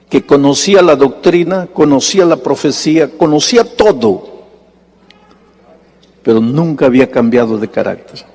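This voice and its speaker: In a hall with long reverb, a male pastor preaches a sermon, telling a story and acting out its dialogue as his voice leaps high in animated bursts.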